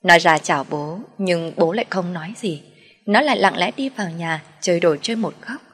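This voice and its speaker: Woman with a low voice narrating a sad story. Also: brisk, breathy edge. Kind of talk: first-person story narration.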